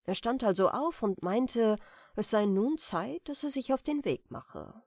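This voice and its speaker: A woman audiobook reader telling a bedtime fairy tale in a calm, expressive way. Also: on the high side, unhurried, dry recording, clean studio sound.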